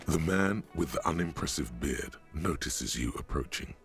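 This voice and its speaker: An actor voicing a wry game narrator who speaks in the second person, with a very deep, gravelly voice. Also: male voice, lively intonation, normal speed, over music.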